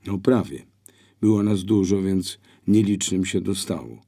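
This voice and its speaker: A man reading an audiobook, voicing a bold young woman who speaks lively and persuasively. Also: sits low, unhurried, slightly rough, pitched above the performer's own voice, full character voice. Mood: eager.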